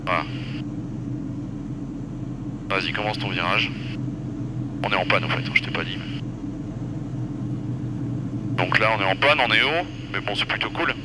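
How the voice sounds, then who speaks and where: A man's voice: on the low side, lively intonation, moderate pace, long pauses. A man giving blunt, informal in-cockpit coaching as a flight instructor, repeating short commands. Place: small aircraft cockpit in flight. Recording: very loud aircraft engine noise. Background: loud propeller plane drone.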